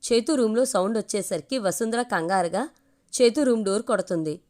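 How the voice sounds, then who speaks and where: A woman storyteller reading a romantic family story aloud in a steady, even manner. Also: on the high side, brisk.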